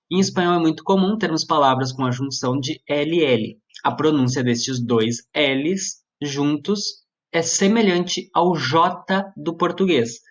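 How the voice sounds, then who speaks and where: A man's voice: mid-range voice, highs cut off. A man teacher walking students through a lesson step by step, patiently checking in with them as he explains. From southern Brazil. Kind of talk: recorded classroom lesson. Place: Brazilian school lesson.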